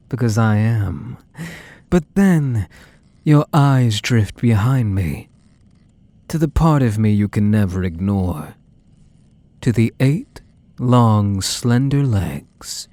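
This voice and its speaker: A man voicing a possessive young half-spider bully in an intimate ASMR role-play, coaxing and teasing softly, tender yet menacing. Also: medium pitch, no echo. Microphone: close microphone.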